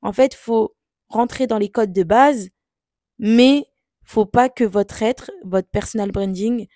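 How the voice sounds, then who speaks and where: A woman's voice: a little high, slow, dark tone, no room sound, clean studio sound. A woman hosting a motivational podcast, talking casually with many fillers and repeated phrases after an upbeat scripted intro. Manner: scripted upbeat intro, then looser talk. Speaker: podcast host.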